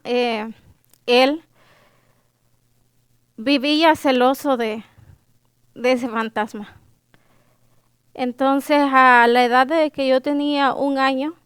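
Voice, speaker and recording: A young woman with a Salvadoran accent recounts her life in a high, clear, smooth voice, speaking slowly. She hesitates often with fillers and restarts, emotional and fighting back tears. The sound is close and dry. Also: fairly bright tone, no echo. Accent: Salvadoran Spanish. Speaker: guest sharing her life story. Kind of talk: personal testimony.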